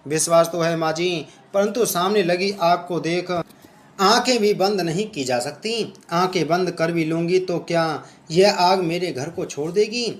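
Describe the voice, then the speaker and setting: A man's voice: high-pitched, unhurried, reverberant. A man voicing a grieving, devoted young wife who pleads tearfully in prayer. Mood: sorrowful.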